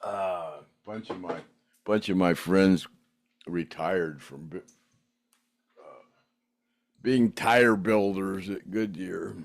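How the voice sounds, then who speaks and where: Deep-voiced and slow, this older man pauses often while reading viewer comments on his podcast, with no room sound in the recording. The talk is loose and casual: he rambles, laughs a lot and keeps stumbling into fillers and restarts.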